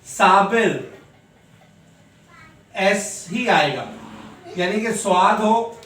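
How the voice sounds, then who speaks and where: Male teacher, unhurried and repetitive, drilling sounds; distant mic, roomy classroom echo. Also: high voice, expressive, fairly bright tone. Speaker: English teacher. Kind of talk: classroom lesson. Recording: echoey room, distant mic.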